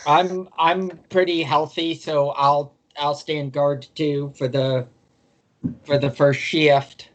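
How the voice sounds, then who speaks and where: A man's voice: a little high, level tone, takes it slowly, rough recording. A man playing a tabletop game, casually talking tactics with the group.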